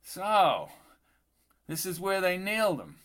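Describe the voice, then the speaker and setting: A man voicing a gruff, cocky male tourist who talks up conspiracy theories in an audiobook. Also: sits high, wildly swooping pitch, takes it slowly, a bit bright, voice pushed up, heavily acted.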